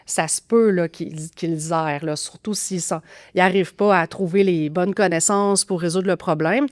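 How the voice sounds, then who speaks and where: A woman's voice: on the low side, steady tone, normal speed, no room sound, clean studio sound. A woman with a Québécois accent explaining teaching methods as a podcast guest, thoughtful with frequent fillers and restarts. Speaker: grammar teaching expert guest.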